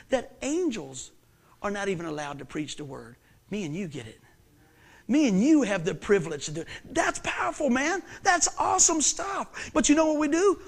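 A man in his fifties preaching a sermon as pastor, swinging from hushed, earnest lines to excited shouts. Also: extremely high pitch. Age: 50s.

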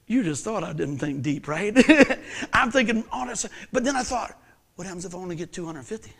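A man preaching a sermon, swinging from hushed lines to shouted ones. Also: high voice, expressive, brisk. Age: 50s. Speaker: pastor.

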